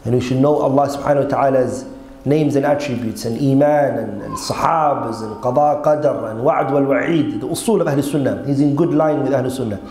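A man's voice: mid-range voice, fairly quick, a little mellow, faint music behind. A man giving an emphatic, conversational religious lecture as a teacher, checking in with listeners through rhetorical questions. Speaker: Islamic teacher. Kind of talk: religious lecture explaining a text to a class. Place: seated at a desk in a hall indoors. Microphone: gooseneck desk microphone. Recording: echoey room with faint background noise.

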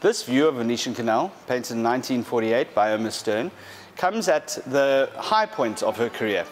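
A man in his thirties, an art specialist, talking through paintings in a large gallery hall in a measured, explanatory way, with frequent fillers and restarts. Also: medium pitch, lively intonation, music in the background. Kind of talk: gallery presentation.

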